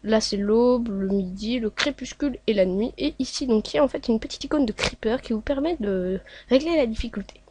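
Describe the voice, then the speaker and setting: A woman's voice: on the high side, brisk, hardly any pauses, noisy background. A woman hosting a casual screen-recorded tutorial, talking along hesitantly with many filler sounds as she clicks through steps. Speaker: tutorial host.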